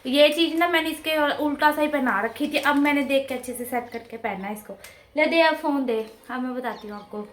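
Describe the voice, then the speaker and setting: High-pitched lady in her 30s rambling to her vlog at home, mic right by her mouth. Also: fairly quick, slight background noise. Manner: chatty, rambling, talks with her face. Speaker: vlogger. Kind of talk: casual vlog chat. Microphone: clip-on mic close to mouth.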